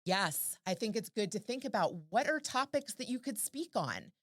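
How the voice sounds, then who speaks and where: A woman's voice: on the high side, very animated, moderate pace, no room sound, clean studio sound. A woman guesting on a podcast, giving advice by firing off strings of rhetorical questions. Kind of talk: casual podcast chat.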